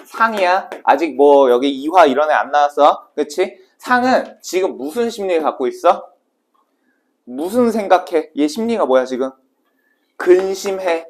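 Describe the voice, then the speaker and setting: A man's voice: fairly high pitch, animated. A male Korean literature teacher giving a casual exam prep lecture, quizzing his students and then answering his own questions. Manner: brisk and casual, asking students questions and answering them himself.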